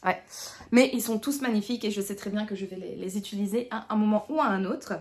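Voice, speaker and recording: Une jeune femme de Tournai, avec l'accent tournaisien, qui parle de ses lectures en vlog, bavarde, avec beaucoup d'hésitations et d'autodérision. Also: female voice, mid-range voice, quick pace, darkish tone. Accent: Tournai Picard (Belgian French). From Tournai, Belgium. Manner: chatty, many fillers and restarts, self-mocking. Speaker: book vlogger. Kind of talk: casual chat to camera.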